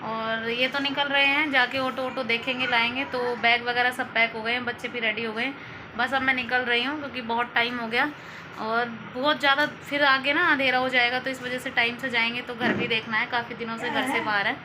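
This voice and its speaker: A woman's voice: a little high, level tone, fairly quick. A woman vlogging casually from her family home, chatting and explaining things step by step. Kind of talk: casual home vlog talk. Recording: noisy phone recording at home.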